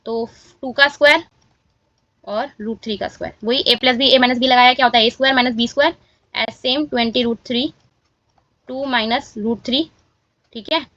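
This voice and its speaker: A woman's voice: sits high, bright, forceful tone, dry recording, lo-fi sound. A woman teaching a maths lesson, walking students through each step and often correcting herself.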